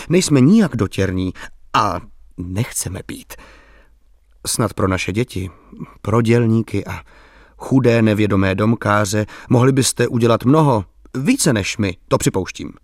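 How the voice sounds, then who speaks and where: A man's voice: medium pitch, no room sound, clean studio sound, natural voice. A man voicing a bitter, ironic, middle-aged village intellectual who speaks politely but with an edge.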